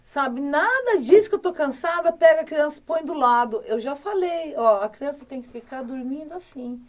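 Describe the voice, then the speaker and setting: A woman's voice: high-pitched, expressive, normal speed, far from the mic. A middle-aged woman doctor with a Brazilian Portuguese accent, giving firm, emphatic parenting advice in a casual talk and speaking straight to her listeners.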